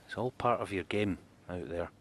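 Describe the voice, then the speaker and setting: A man with a deep voice offers quiet snooker co-commentary. He explains things reflectively and conversationally, without hurry. There is faint noise in the background. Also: normal speed.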